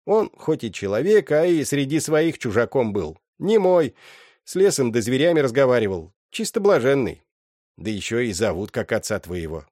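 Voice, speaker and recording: A man's voice: mid-range voice, sing-song, normal speed, a little mellow, no echo, studio quality, voice pushed up, close to an everyday voice. A man voicing a scheming old mother witch who scolds and mocks, in an audiobook. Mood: scornful. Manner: scolding, mocking. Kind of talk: audiobook character voice.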